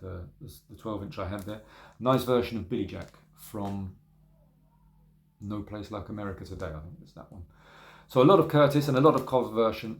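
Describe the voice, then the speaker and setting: This easygoing man with a lowish voice is a record collector showing off his vinyl. His casual spoken video review is relaxed and rambling, full of ums and asides that trail off.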